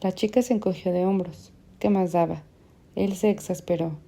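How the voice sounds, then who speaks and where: A woman reading literary fiction aloud as an audiobook narrator, in a measured, even way. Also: on the low side, gravelly.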